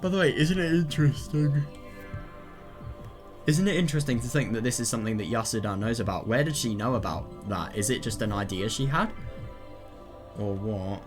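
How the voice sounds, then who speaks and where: Low-voiced man musing over a story game. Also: animated, brisk. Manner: musing, repeats short affirmations. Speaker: let's player. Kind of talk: reading game text aloud with casual reactions. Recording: music behind the voice. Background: game music.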